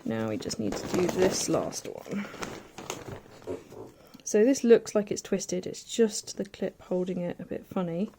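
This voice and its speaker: A woman giving a casual hands-on sewing demonstration, chatty and thinking aloud as she pins fabric, with soft asides. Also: lowish voice, a little slow, creaky, background noise. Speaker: quilting tutor.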